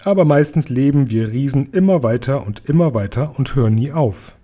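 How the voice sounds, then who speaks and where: A man reading a children's book aloud and voicing a huge, very old, kindhearted male giant who jumbles his words, louder than his narration. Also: animated, brisk, natural voice. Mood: gruff. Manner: loud and booming, jumbled made-up words.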